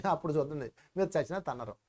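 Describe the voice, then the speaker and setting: A man's voice: on the high side, expressive, fast talker, a little mellow. A man giving a spiritual motivational talk, speaking as if telling a story, calling his listeners friends and repeating phrases for emphasis. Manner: storytelling, addresses listeners as friends, mixes in English words.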